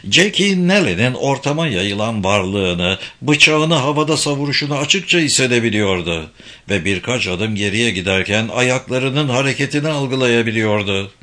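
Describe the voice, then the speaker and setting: A man narrating a suspense audiobook in a measured, suspenseful reading. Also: medium pitch, animated, pushed and bright.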